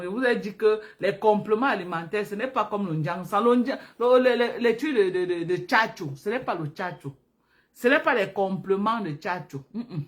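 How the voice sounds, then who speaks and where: Animated woman on a live stream. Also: medium pitch. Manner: animated, repetitive, emphatic, addresses viewers directly. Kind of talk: casual live-stream talk to viewers.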